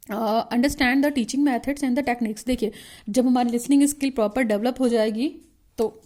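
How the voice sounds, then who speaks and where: A woman with an Indian accent giving an explanatory lecture as a teacher. She reads points out slowly in English, then explains them and keeps checking in with her listeners. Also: a little high, warm tone.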